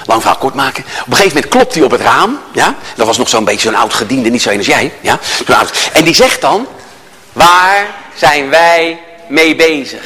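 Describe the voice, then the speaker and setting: A man's voice: mid-range voice, fast, few pauses. A man giving an interactive workshop talk to a live audience, joking and telling stories as he coaches the room. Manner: animated, joking storyteller who addresses the audience. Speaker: workshop speaker. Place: large hall with an audience. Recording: long hall reverb.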